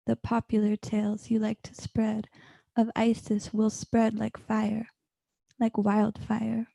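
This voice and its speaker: A woman reciting poetry in a solemn, deliberate manner, as at a reading. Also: on the high side, gravelly, dark tone, no echo. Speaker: poetry reader.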